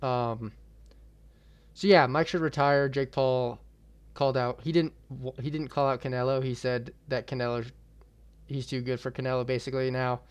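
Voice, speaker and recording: A man's voice: mid-range voice, little pitch movement, normal speed, clean tone. A young man hosting his own MMA channel, ranting in a heated, profane and blunt way about a boxing match. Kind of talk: ranting reaction vlog.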